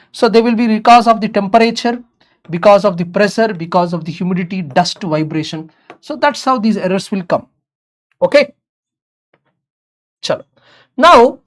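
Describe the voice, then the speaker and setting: Fast-talking Indian woman teaching a lesson. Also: mid-range voice. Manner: repeats key phrases, checks understanding with learners. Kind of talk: exam revision lecture mixing English and Hindi.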